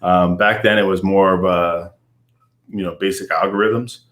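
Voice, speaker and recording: A man's voice: low voice, fairly even intonation, normal speed, fairly bright tone. A man, a company CEO, speaking as an interview guest and explaining things at length with many "um"s and "you know"s. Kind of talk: casual business interview.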